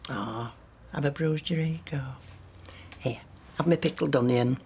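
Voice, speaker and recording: An actress playing a blunt, teasing working-class wife in a TV soap. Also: female voice, low voice, unhurried, darkish tone, a little hiss or hum. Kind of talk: soap opera acting.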